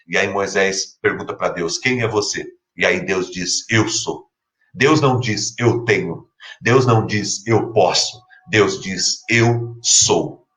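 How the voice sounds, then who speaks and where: This is a Brazilian man delivering a sermon, his low voice carrying a bright, forceful edge. He repeats key phrases for emphasis and lifts his pitch when quoting scripture. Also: a little slow. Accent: Brazilian Portuguese. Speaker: pastor.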